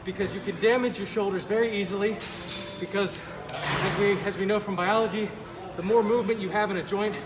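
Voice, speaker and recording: High-pitched man talking through a face mask. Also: steady tone. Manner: informal, halting, self-correcting explanations. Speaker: fitness video creator, host. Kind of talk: casual instructional gym vlog, explaining exercises. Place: indoor gym. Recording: echoey gym, loud music behind. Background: loud music.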